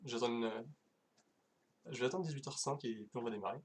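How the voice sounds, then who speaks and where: A man's voice: mid-range voice, fast talker, slight background noise. A man giving a casual live-streamed technical talk, hesitant, with many fillers and restarts. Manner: casual, self-deprecating. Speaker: conference speaker.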